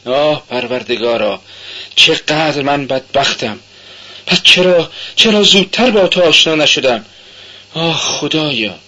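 A man's voice: expressive, bright, forceful tone. A man voicing a desperate tearful young woman. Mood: distraught. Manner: high pleading cries.

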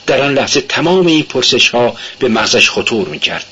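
Husky forceful male narrator. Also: medium pitch, big pitch swings, highs cut off. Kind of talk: dramatic literary reading.

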